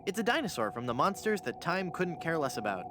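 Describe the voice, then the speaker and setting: A hapless, earnest young hero of a comic adventure game. His voice sits a bit high and swings widely as he pleads and bluffs theatrically about being a ghost. Clear noise runs behind the game audio. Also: sing-song, fairly quick. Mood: wry.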